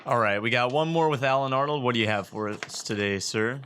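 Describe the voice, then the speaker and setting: A man co-hosting a live talk show, speaking in a measured way as he brings in a caller. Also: medium pitch, fairly bright tone, slight background noise. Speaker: co-host.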